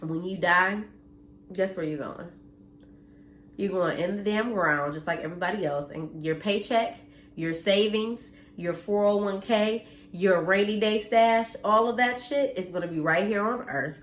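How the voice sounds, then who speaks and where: Speaking at a measured pace in a mid-range voice, this woman in her thirties from the US vlogs casually to her viewers from home. Allergies leave her a little nasal and stuffy; she's blunt, earnest, mildly preachy and occasionally curses, with reverb and slight background noise around her.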